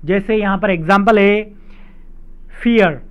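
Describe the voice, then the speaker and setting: High, smooth-voiced man teaching a lesson. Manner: explains rules slowly, repeats them with examples. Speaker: English teacher. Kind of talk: spelling lesson explained step by step. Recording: dull lo-fi sound.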